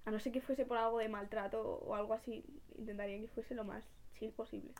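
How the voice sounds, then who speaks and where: A woman's voice: fairly high pitch, fairly even intonation, fairly quick, darkish tone. A woman, co-hosting a casual podcast chat, blunt and joking, swearing freely. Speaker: podcast co-host.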